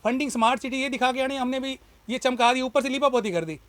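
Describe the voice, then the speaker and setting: A man's voice: very high voice, fast, fairly bright tone, dry recording. A man who runs a shop, speaking in an impassioned, argumentative way in a street interview. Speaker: shopkeeper and party worker.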